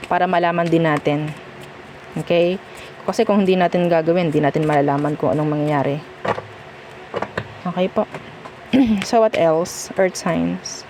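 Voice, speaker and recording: Background noise sits behind a lowish female voice giving a relaxed tarot reading. Speaking with a Filipino accent, she's chatty and comforting, moves between Tagalog and English, and keeps asking "okay?".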